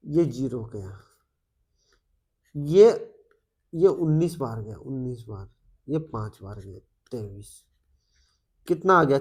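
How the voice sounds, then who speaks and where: A man with an Indian accent coaching students through exam maths, his voice sitting fairly high. He pushes his points loudly, keeps asking questions, and drops to a mutter while he works out sums. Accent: Indian Hindi. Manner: loud, then muttering calculations under his breath. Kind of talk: solving maths problems step by step.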